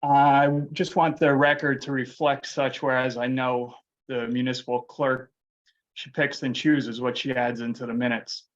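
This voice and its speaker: A man's voice: medium pitch, flat delivery, measured pace. Confrontational man on a breaking-up remote line. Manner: confrontational, accusing. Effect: remote call audio breaking up. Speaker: resident speaking at public comment. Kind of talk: public comment at a council meeting. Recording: dull lo-fi remote call line.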